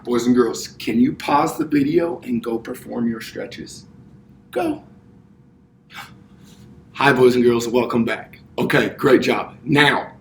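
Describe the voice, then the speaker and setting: A young man teaching children exercise like a kids show host, with simple repeated cues and questions while moving about. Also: medium pitch. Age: young adult. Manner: physically active while talking. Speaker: elementary P.E. teacher. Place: indoor classroom. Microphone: distant camera microphone. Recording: roomy, distant mic, faint noise.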